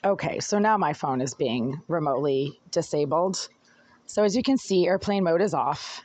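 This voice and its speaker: A hoarse tenant with a medium-pitched, slightly mellow voice rants at a moderate pace, aggrieved and rambling as he fiddles with his phone. It's an agitated complaint monologue he records himself, holding the phone inside his apartment.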